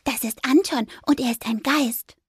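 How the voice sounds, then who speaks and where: A woman voicing a shy, gentle little mouse in a children's story, with a high, squeaky, timid voice. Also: normal speed, husky, no echo, clean studio sound. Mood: gentle, eager.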